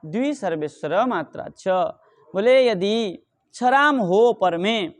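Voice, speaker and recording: A middle-aged man teaching Sanskrit grammar, asking questions and answering them himself, reciting the rules slowly. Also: sits high, animated. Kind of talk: explaining grammar rules in a lesson.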